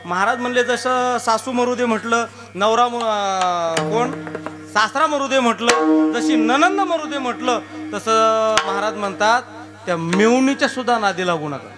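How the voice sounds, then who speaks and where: A man's voice: very high-pitched, a little slow. A man from rural Maharashtra, giving a jokey devotional kirtan sermon and firing rhetorical questions at the crowd. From Beed district, Maharashtra. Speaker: kirtan preacher. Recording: live music clearly behind the voice. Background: tabla and harmonium music.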